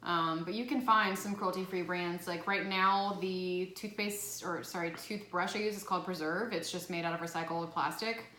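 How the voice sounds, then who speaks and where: A woman's voice: lowish voice, steady tone, moderate pace, hardly any pauses, bright, forceful tone. A woman with a Southern US accent hosting a casual food vlog, chatting with lots of fillers. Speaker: vlog host. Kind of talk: casual chat. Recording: echoey room, faint noise.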